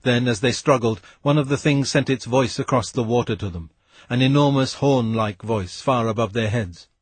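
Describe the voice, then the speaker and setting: A man reading a novel aloud as an audiobook narrator, in a measured, steady way. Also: medium pitch, husky, no echo. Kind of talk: scripted narration.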